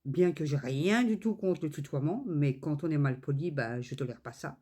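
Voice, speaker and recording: A woman's voice: low voice, moderate pace, warm tone, husky. A woman hosting a crafts channel, chatting casually as she works and telling a story with lots of fillers and reported speech. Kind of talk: casual chat while crafting.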